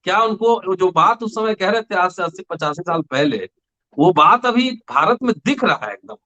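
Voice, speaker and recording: A man's voice: high-pitched, expressive, normal speed. A man hosting a discussion, reflective and questioning, recalling what he read before posing a question. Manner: reflective, questioning, soft affirmations. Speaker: host. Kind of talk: discussion interview. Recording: dull lo-fi sound.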